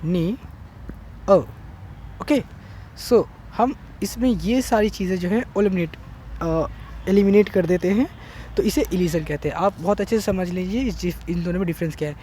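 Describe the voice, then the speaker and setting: A man's voice: sits high, dark tone, slight background noise. A man teaching an English grammar lesson online, explaining step by step and checking in with "theek hai" often. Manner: slow, repetitive explaining with frequent "theek hai".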